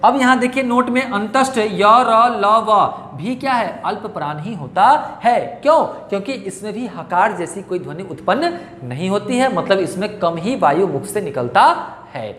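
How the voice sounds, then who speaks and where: Lively male teacher in an echoey room. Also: high voice, normal speed. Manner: lively, repetitive, quizzes pupils with questions. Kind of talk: classroom grammar lesson. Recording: echoey room with long reverb.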